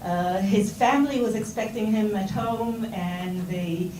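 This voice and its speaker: Speaking a little slowly in a mid-range voice, this middle-aged Israeli woman gives students an informal seminar talk. Fillers and restarts run through her Hebrew-accented English. The recording has noise and a roomy, distant sound.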